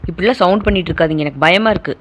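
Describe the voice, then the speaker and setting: A woman's voice: fairly low pitch, racing, a bit bright, slight background noise, natural voice. A woman voicing a nervous girl at a forest camp who scolds her friends for waking her. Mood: scolding.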